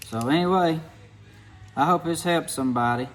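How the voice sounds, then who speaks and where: A man's voice: fairly high pitch, normal speed, faint music behind. Folksy man with an Appalachian hillbilly accent. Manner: folksy, rambling. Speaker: mechanic video creator. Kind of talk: casual hands-on tutorial vlog.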